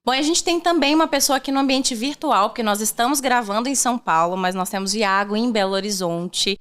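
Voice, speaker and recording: A woman's voice: on the high side, brisk, fairly bright tone, smooth. A young woman hosting a casual podcast chat, upbeat and friendly, laughing often. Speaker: podcast host. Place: studio.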